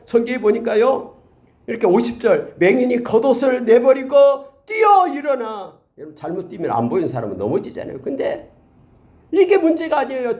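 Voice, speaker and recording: Animated man preaching a sermon. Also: extremely high pitch. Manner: addresses listeners often, builds to loud emphatic peaks. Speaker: pastor. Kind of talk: expository Bible teaching sermon.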